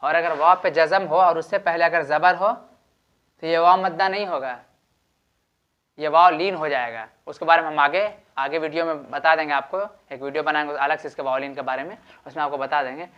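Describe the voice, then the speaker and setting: A man's voice: on the high side, fairly even intonation, a little fast, clean tone. A man teaching Quran recitation, explaining step by step, repeating each rule and drawing out example syllables. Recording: slightly muffled lo-fi recording.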